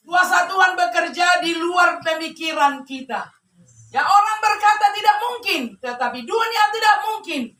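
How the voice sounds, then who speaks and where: Shouting woman preacher, very high voice. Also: far from the mic. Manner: shouting, exhorting. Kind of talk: sermon. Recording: echoey hall, mic from afar.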